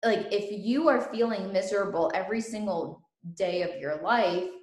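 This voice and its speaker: A woman's voice: medium pitch, normal speed. A woman host born in Ukraine, chatting casually in an interview and laughing often. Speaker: podcast host. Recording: echoey room.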